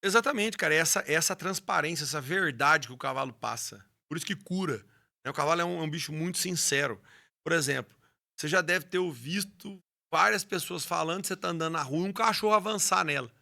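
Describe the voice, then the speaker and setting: In an interview, a Brazilian rodeo announcer and horse trainer passionately tells his story, frequently restarting his sentences. His voice is fairly high, brisk and bright, forceful, with vocal fry.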